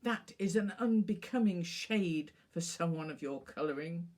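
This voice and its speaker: A woman's voice: fairly low pitch, animated, unhurried, a little mellow, voice pushed down. A woman reading aloud as a judgmental male talking spaniel with a Birmingham accent, blunt and moralizing. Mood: critical.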